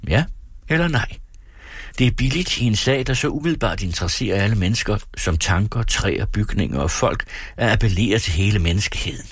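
Male reader for a classic essay: low, husky voice, close and dry, with a theatrical delivery. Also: lively intonation, hardly any pauses, no echo. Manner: theatrical, swings between high and low. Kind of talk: dramatic reading of an old essay.

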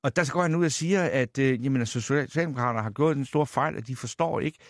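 A man's voice: mid-range voice, no echo, studio quality. A man hosting a radio talk show, questioning his guest in a debate, with frequent restarts. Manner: challenging, lively questioning with restarts. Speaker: radio host. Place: radio studio.

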